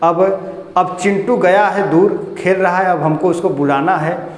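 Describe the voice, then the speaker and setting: High-voiced male teacher in echoey room. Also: a little slow. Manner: explains step by step, often asks students questions. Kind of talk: classroom grammar lesson. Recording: echoey room with faint noise.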